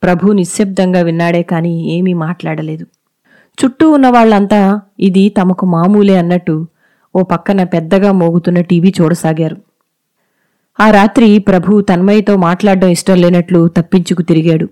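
A woman reading a short story aloud in a steady, measured way. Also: lowish voice. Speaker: narrator. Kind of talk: scripted story narration.

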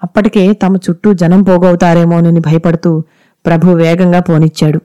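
A woman narrating a scripted story in a steady, measured way. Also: fairly low pitch, dry recording.

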